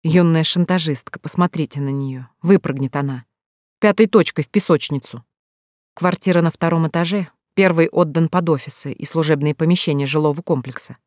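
An audiobook narrator reading a novel in an even, measured storytelling voice. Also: mid-range voice, no echo, studio quality. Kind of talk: scripted narration.

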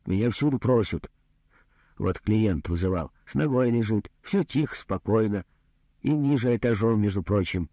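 A man reads as a greedy, rude doctor who grumbles and talks down to his patient. The voice is low and husky, with a dark tone that swings in pitch, and it sits dry and close in a comic storybook reading. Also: lively intonation, normal speed, no room sound. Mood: gruff. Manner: brusque, condescending, grumbling. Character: greedy gruff male doctor, rude and businesslike.

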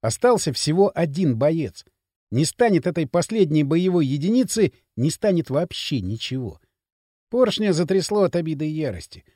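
A man narrating an audiobook with a dramatic, expressive reading. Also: on the high side, dry recording, studio quality. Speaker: audiobook reader.

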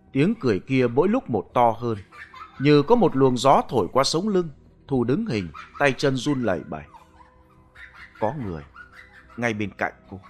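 A man narrating a scripted horror story in a dramatic manner. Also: medium pitch. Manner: dramatic, animated. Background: soft background music.

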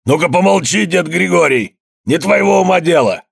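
An actor playing a furious, greedy old peasant man who shouts hoarsely, choking with rage. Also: high-pitched, lively intonation, normal speed, dry recording, clean studio sound, exaggerated voice. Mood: raging. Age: older.

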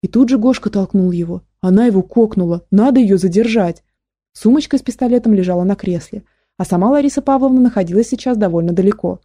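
Dark-voiced woman reading a story. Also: mid-range voice, quick pace, no room sound, studio quality. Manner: steady storytelling, voices characters. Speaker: audiobook narrator. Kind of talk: scripted audiobook narration.

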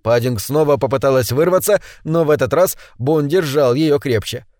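A man narrating an audiobook with measured, dramatic reading. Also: medium pitch, a little mellow, no room sound, clean studio sound. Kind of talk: scripted narration.

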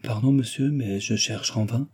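A man's voice: mid-range voice, moderate pace, dark tone, slightly rough, natural voice. A man voicing a timid old woman petitioner. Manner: hesitant, deferential. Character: timid elderly female litigant.

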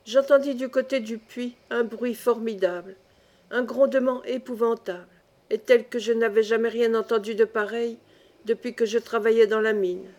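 A woman reading a classic novel aloud as an audiobook. Her delivery is expressive and dramatic. Her voice sits fairly high. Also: moderate pace. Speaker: audiobook narrator. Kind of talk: scripted narration of a classic novel.

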